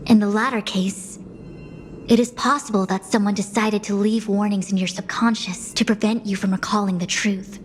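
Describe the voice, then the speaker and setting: A woman voicing a composed, philosophical companion in a video game, measured, formal and coolly inquisitive. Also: mid-range voice, steady tone, soft background music, lightly acted. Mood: calm, probing.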